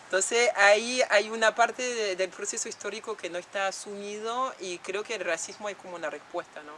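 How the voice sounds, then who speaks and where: In a documentary interview, a Frenchwoman speaks reflectively, with many fillers and restarts. Her medium-pitched voice is fairly quick and a bit bright, with slight background noise.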